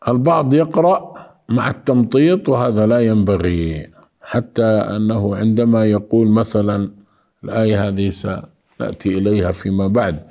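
A man teaching Quran recitation rules, explaining slowly and calling his listeners beloved ones. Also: lowish voice, vocal fry, warm tone. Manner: explains slowly, then chants verses in a drawn-out melody. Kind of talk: recitation lesson with chanted examples.

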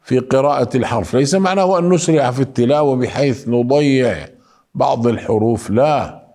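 A man teaching Quran recitation rules, explaining slowly and calling his listeners beloved ones. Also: mid-range voice, mellow. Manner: explains slowly, then chants verses in a drawn-out melody. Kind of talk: recitation lesson with chanted examples.

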